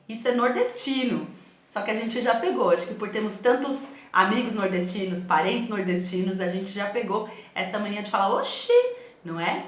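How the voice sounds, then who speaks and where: A middle-aged woman with a São Paulo accent, teaching a remote class and telling stories in a lively way, often asking "né?". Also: medium pitch. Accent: São Paulo Portuguese. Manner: storytelling, animated, asks the class "né?". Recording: echoey room.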